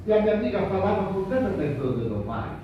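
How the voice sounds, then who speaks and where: Man, spiritist lecturer, animated storytelling, fairly high voice, distant mic, heavy hall echo. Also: quick pace, slight background noise. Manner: animated, acts out dialogue in first person. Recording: echoey distant lo-fi hall recording.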